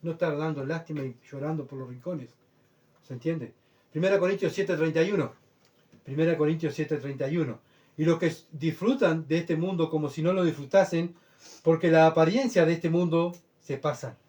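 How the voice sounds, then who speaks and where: Male pastor, slightly high voice, earnest sermon, loud bursts and soft asides. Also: normal speed. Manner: earnest, emphatic, rhetorical questions; swings between loud bursts and quiet asides.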